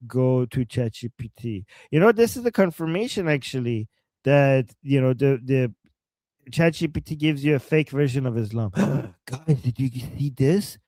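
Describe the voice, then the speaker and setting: This Persian-accented man helps host a live stream, reading out viewers' chat and answering with lively jokes and plenty of laughter. Pitch is medium, speed is normal, and the audio carries no echo.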